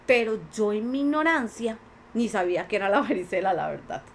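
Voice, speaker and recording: A Costa Rican-accented woman, appearing as a podcast guest, earnestly tells her life story in conversation and voices the many people she quotes. Her mid-range voice moves fairly quickly with lively intonation, over a little hiss or hum.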